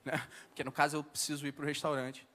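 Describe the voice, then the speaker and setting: A man's voice: on the high side, flat delivery, fast talker, bright, forceful tone. A man preaching in a casual storytelling way, mocking himself as he recounts an anecdote. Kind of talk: storytelling sermon.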